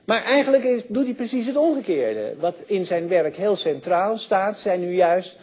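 An older man giving a university lecture, enthusiastic, often pausing with fillers and restarting his sentences. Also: high voice, big pitch swings, darkish tone, husky. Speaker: sociology lecturer.

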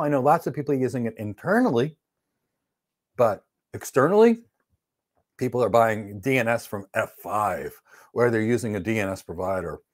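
A middle-aged networking instructor with a mid-pitched voice teaches a live-stream Q&A class, answering each question bluntly, emphatically and matter-of-factly. He speaks from an indoor studio with a virtual backdrop to a camera framed at chest height.

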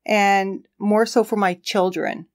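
A woman co-hosting a laid-back true crime podcast narrates the case, chatting easily and laughing often. Her pitch is an ordinary middle range, and she speaks slowly.

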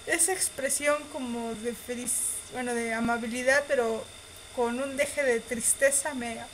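A woman's voice: fairly high pitch, fairly bright tone, slight background noise, rough recording. A woman reads a romance visual novel aloud and reacts with squeals and laughs. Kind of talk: reading game text aloud with live reactions.

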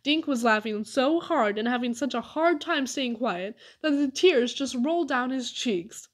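A woman narrating a storybook aloud in a lively, expressive reading. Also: high-pitched, a little slow. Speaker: audiobook reader.

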